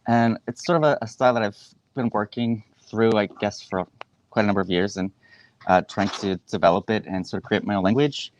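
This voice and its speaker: A man's voice: lowish voice, fairly even intonation, fairly quick. A man, answering interview questions thoughtfully and hesitantly, with many fillers. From Boston, USA. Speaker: guest artist. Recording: dull dry lo-fi line.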